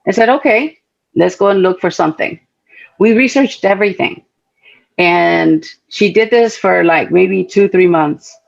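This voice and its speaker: This lo-fi clip features a middle-aged Guatemalan woman with a mid-range voice and vocal fry, talking a little slowly. Appearing as a panelist at a talk event, she relates personal stories in an earnest, heartfelt, conversational manner with many fillers.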